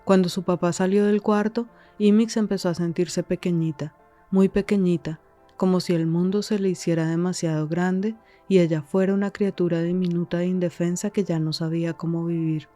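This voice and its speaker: A woman reading scripted podcast narration in a measured, calm way. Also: fairly low pitch, faint music behind.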